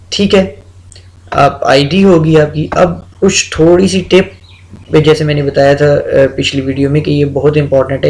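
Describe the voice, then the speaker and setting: A man, an English teacher explaining speaking-test tips with steady examples. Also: fairly high pitch, creaky, low-quality recording. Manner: switches between Urdu and English, steady and explanatory. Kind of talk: lecture with many examples.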